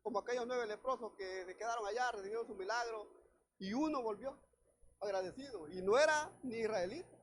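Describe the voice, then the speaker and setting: A man preaching a sermon with a very high voice. He reads scripture aloud, explains it, and keeps calling out to the congregation. There is faint noise in the background. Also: fairly quick. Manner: preaches directly to the congregation, often calling out "hermano". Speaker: pastor.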